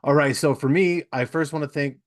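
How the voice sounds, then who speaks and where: A man of about forty hosts a podcast, keeping the interview casual and chummy. His voice is fairly high and his pace brisk.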